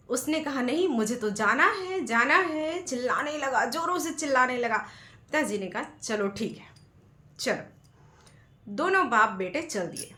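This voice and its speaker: A woman narrating a moral story in an expressive, lively manner. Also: fairly high pitch. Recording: roomy echoey room.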